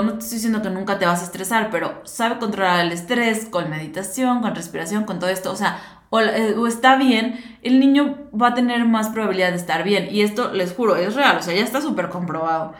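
A woman's voice: medium pitch, normal speed. A woman hosting a podcast, talking casually and directly to her listeners with lots of fillers. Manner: chatty, talks straight to listeners with many fillers. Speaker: podcast host. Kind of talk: casual monologue. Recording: roomy echo.

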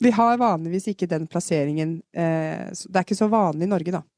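A woman from Norway giving a chatty live podcast singing lesson, explaining technique and demonstrating vocal fry sounds. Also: lowish voice, a little mellow, dry recording, clean studio sound. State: has a cold. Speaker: singing teacher. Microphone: podcast microphone.

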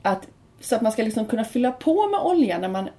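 A woman co-hosts a relaxed podcast recorded at home. Her voice sits a little high, and she talks with eager enthusiasm, often rushing through ideas in quick bursts. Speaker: podcast co-host. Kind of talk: casual podcast chat.

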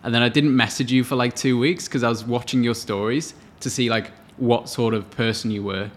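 A man's voice: medium pitch, fairly even intonation, a little fast. A man in his late twenties, co-hosting a podcast and telling a story in casual chat. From Wales. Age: late 20s. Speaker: podcast co-host.

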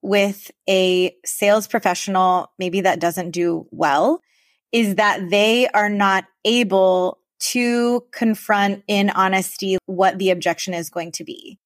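A woman co-hosting a podcast for travel advisors, chatting casually in a rambling, animated way. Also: mid-range voice, takes it slowly, no room sound, clean studio sound.

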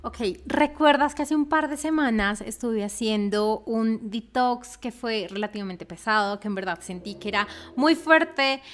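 Effusive woman podcast host, fairly high voice. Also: animated, moderate pace, few pauses. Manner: enthusiastic, effusive. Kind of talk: casual podcast interview.

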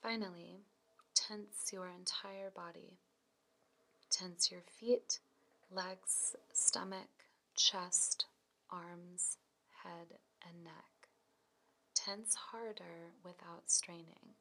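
A lowish female voice, hushed, breathy and nearly whispering, carries a scripted relaxation exercise. She gives each instruction slowly, in a calm, soothing way.

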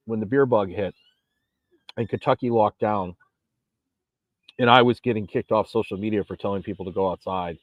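Recorded outdoors on a beach, a man in his forties, a vlogger and gym owner, talks casually in an emphatic, rambling monologue full of frequent restarts. His voice sits on the low side at a moderate pace, with frequent pauses. The recording is muffled, with no echo.

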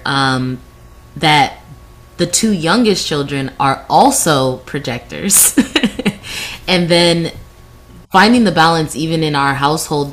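A woman hosting a casual podcast, asking easy questions and chiming in with quick agreement. Her voice is notably low for a woman. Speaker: podcast host.

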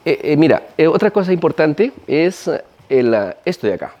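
In a relaxed interview, a man with a Peruvian Spanish accent who practices ayahuasca tells stories, performing the voices of the people he quotes. He speaks at a normal pace in a slightly high voice, and the recording's highs are cut off.

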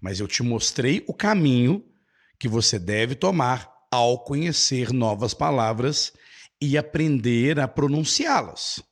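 Male language teacher, emphatic, lively pitch swings, husky tone, rhetorical asides. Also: slow pace. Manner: emphatic, checks in with rhetorical questions. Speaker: English teacher. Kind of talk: online language lesson.

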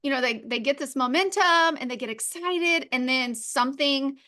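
A woman co-hosting a faith-based business podcast, talking in a chatty, animated way, full of "like" and "right.". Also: high voice, moderate pace. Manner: animated, acts out playful quotes. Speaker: podcast co-host.

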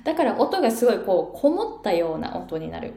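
Woman, pronunciation coach, animated, coaxing, mellow tone, roomy echo. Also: mid-range voice, quick pace. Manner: animated, coaxing, explains with sound-play. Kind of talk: online pronunciation lesson.

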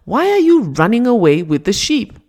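A woman's voice: medium pitch, very animated, normal speed, a little mellow, pitched above the performer's own voice. A woman voicing a commanding older male lion in a storybook fable, insistent and growling.

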